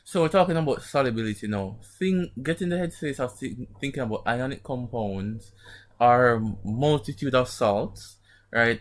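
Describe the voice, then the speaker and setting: A man teaching an online lesson informally, his speech slightly muffled by a sore mouth, often checking in with short tag questions. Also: medium pitch. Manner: didactic, frequent check-in tags like "right?" and "okay?". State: sore mouth from an emerging wisdom tooth. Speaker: chemistry teacher. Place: online class over screen share.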